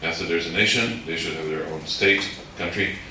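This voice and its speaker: Low-voiced man lecturing in an echoey hall. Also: normal speed. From Slovakia. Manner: explains step by step and checks in with the audience. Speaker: guest lecturer. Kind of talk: university lecture. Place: university lecture room. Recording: echoey hall, distant mic, background noise.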